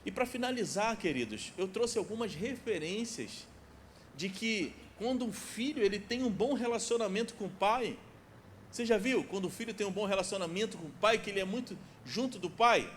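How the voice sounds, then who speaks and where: A man in his forties preaching a sermon as pastor in a church, emphatic, repeating key phrases and dropping to a soft pleading tone. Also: high-pitched, fairly quick, slight background noise. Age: 40s. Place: church sanctuary.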